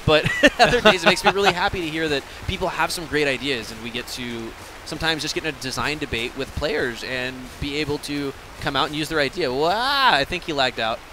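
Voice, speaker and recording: A man who works as a game developer, talking excitedly while playing and laughing often. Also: on the high side, brisk, hardly any pauses, background noise. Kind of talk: casual gameplay chat. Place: game studio office.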